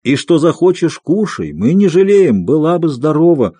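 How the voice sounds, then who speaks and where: Narrator doing a tired gentle old man in an audiobook, low murmur, mellow husky voice. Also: big pitch swings, moderate pace, dry recording. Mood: tender. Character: weary old merchant, gentle, tearful.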